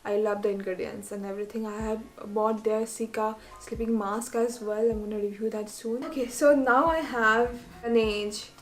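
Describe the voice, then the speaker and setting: A woman's voice: on the high side, steady tone, normal speed, few pauses. A young woman with an Indian English accent, chatting casually to camera as a skincare vlogger and laughing between points.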